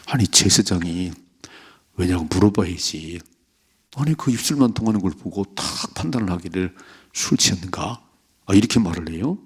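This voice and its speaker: A man preaches at an early-morning church service in a low, somewhat husky voice. He reads scripture slowly, then breaks into animated storytelling and acts out the people in the passage. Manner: animated preaching, acting out biblical figures' voices. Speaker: pastor. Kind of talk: early-morning prayer sermon. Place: church sanctuary.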